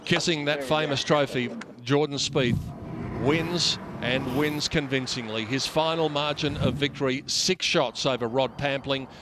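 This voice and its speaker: A man working as a golf commentator, narrating tournament highlights. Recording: crowd and outdoor noise behind. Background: loud golf crowd and outdoor ambience.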